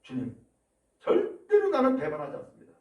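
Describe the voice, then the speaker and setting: A man's voice: a little high, expressive, normal speed, muffled recording. A man voicing the disciple Peter in a sermon, a grown man who protests his loyalty and then breaks into remorse. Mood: indignant. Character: Peter, a man in anguish denying his teacher. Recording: echoey room from a distance.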